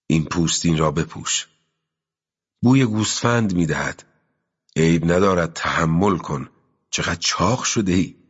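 A man reading a novel aloud as an audiobook narrator, in a slow, measured literary style with pauses. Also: extremely low pitch, fairly bright tone, breathy edge. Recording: dull lo-fi audio with long reverb.

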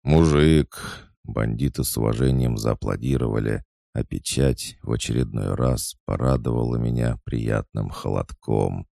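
Man, audiobook narration, extremely low voice, gravelly, dark. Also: fairly even intonation, normal speed, hardly any pauses, no room sound, studio quality.

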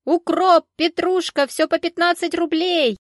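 A woman voicing a brash female market vendor who hollers her sales cries in a piercing, high voice, in an audiobook. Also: steady tone, measured pace, no room sound, studio quality. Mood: hawking loudly. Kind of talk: audiobook character voice.

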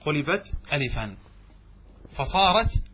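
A man's voice: fairly high pitch, very animated, measured pace, pushed and bright, slightly rough. A man teaching a classroom grammar lesson as a sheikh. He keeps asking the students questions, repeats the answers and drags out key words for emphasis.

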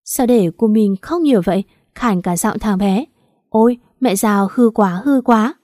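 A woman's voice: medium pitch, unhurried, mellow, no echo, studio quality, lightly acted. A woman voicing a fussing older grandmother in a storybook reading. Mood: fretful. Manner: fretful, cooing.

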